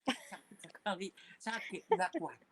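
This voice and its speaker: A man's voice: high voice, lively intonation, unhurried, husky. A man who is a pastor, giving an emotional personal testimony, telling his story animatedly, acting out the voices of others, and dropping in English phrases.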